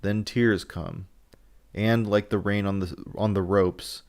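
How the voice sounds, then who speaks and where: An old, sorrowful Dutch professor speaking in earnest, broken old-fashioned English, as a man reads him aloud. The voice sits low and gravelly. It is a storybook reading, not a stage performance. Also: steady tone, takes it slowly, a little mellow.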